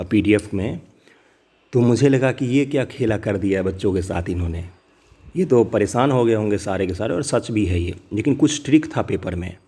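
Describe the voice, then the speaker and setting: A man's voice: medium pitch, mellow. A man teaching exam preparation, talking viewers through a test paper in a direct, earnest way. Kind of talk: casual exam paper discussion.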